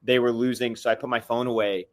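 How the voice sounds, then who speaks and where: A man's voice: medium pitch, level tone, quick pace. Fired-up man venting in rambling bursts. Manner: fired-up, rambling, many restarts and fillers. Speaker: caller on a live fan podcast. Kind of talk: casual venting chat.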